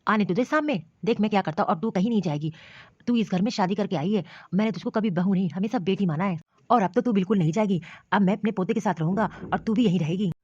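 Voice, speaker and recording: Stern protective old father-in-law for a cartoon, voiced by a woman, fast scolding delivery, dull dry lo-fi sound. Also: mid-range voice, a little mellow, husky, no room sound, close to an everyday voice. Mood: outraged. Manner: scolding, commanding. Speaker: cartoon voice actor. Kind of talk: storybook cartoon dialogue.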